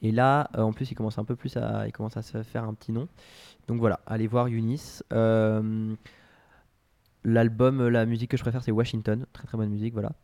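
Male podcast co-host, low mellow voice, dry close sound, hesitant rambling delivery. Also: little pitch movement, a little fast, dry recording. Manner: rambling, hesitant, full of restarts. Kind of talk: casual chat.

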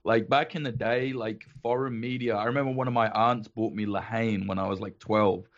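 A man telling stories in an animated, sweary casual chat. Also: lowish voice, fairly quick, dull audio.

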